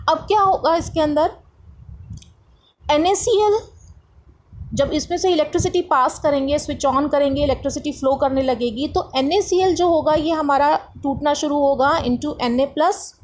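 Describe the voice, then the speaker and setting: High-pitched woman tutoring chemistry. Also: slight background noise, rough recording. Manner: explains step by step with rhetorical questions. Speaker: science tutor. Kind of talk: classroom lesson explanation.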